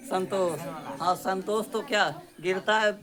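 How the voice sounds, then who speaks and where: A male teacher, running a spelling lesson in a classroom. He drills his pupils with quick questions, and he scolds and teases them. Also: high voice, fairly even intonation, music in the background.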